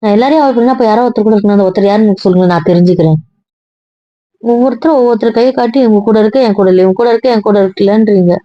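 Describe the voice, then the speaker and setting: A woman's voice: mid-range voice, steady tone, brisk, pauses often, dry recording, lightly acted. A woman playing a hurt, defensive young wife. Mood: upset. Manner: upset, protesting, explaining at length. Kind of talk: amateur audio drama. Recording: dry, dull lo-fi audio.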